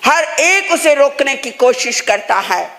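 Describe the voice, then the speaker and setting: A woman's voice: sits high, expressive, slow, a bit bright. A woman, a Jain nun, preaching and telling a story. She asks rhetorical questions and answers them herself, and she chants scripture verses before explaining them. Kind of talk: sermon with storytelling.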